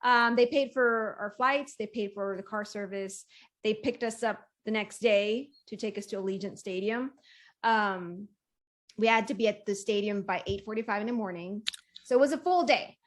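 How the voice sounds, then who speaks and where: A woman's voice: mid-range voice, normal speed. A woman chatting casually as an interview guest, telling her own story in an easygoing conversational way. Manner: smiles and laughs often. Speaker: wrestling ring announcer and commentator, interview guest.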